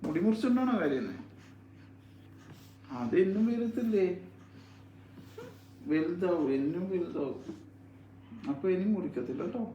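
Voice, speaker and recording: A father talking softly with his young child at home, coaxing and soothing with repeated gentle questions. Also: high-pitched, animated, unhurried, pauses often, lo-fi sound, a little hiss or hum. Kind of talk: casual home video chat with his child. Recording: roomy echo.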